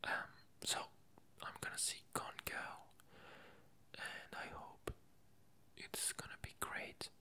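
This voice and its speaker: This is a slow, bright whisper from an ASMR creator who rambles through a casual chat. They halt, hesitate, and keep correcting themselves.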